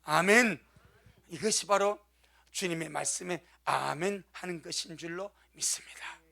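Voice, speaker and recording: A male pastor from South Korea delivers a sermon in a church, hammering home key phrases and slowing down to read scripture. His voice sits high and bright, with a gravelly edge running through it. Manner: emphatic preaching, repeats key phrases, slow scripture reading.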